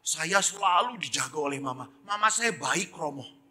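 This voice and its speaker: A man voicing a cheerful, grateful young schoolboy with polio, speaking in a high, polite, eager way. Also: expressive, moderate pace, bright, forceful tone, big-room sound, exaggerated voice. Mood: earnest.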